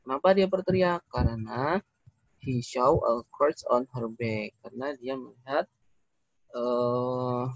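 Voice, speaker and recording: Indonesian guy teaching english, slow and repeats stuff, dry dull recording. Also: medium pitch, no echo. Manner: explains slowly, repeating phrases, with fillers. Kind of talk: recorded classroom lesson.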